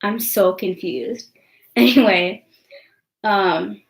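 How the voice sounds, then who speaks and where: A woman's voice: mid-range voice, extremely slow, creaky, echoey room, low-quality recording. Blunt, swearing young woman on a stream. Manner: blunt and defiant, swears freely; rambling, many likes and ums. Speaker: vlogger. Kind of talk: casual live-stream chat.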